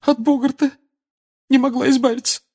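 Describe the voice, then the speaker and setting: A man voicing a distraught middle-aged mother witch who cries and pleads in a high, shaky voice, in an audiobook. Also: unhurried, a little mellow. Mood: tearful. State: crying. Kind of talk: audiobook character voice.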